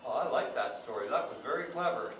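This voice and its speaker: A man's voice: medium pitch, expressive, quick pace, a bit bright, lightly acted. Guy doing jolly santa reading storybooks to kids, super echoey room, kinda far from the mic. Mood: jolly, playful. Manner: jolly, folksy, ho-ho-ho laughing. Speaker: storytime host. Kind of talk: read-aloud storytelling with chatty asides. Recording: very echoey room, distant mic, faint noise.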